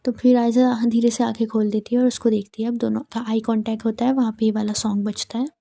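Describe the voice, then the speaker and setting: A woman's voice: a little high, little pitch movement, fast, creaky, warm tone. A woman casually retelling a drama episode, chatty and linking each beat with "then". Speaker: storyteller recapping a drama.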